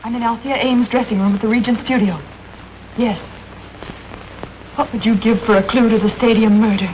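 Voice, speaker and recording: Actress as a plucky young woman sleuth, brisk and bossy; slightly high voice, 1930s radio style. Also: fairly even intonation, darkish tone, a little hiss or hum, close to an everyday voice, poor audio.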